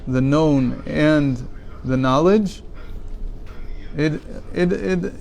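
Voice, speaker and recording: A man with a somewhat high voice leads a daily text class. He reads passages, translates them, and explains them in a measured way. He often asks questions and then answers them himself. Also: vocal fry, a little mellow. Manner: explanatory, poses rhetorical questions. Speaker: teacher.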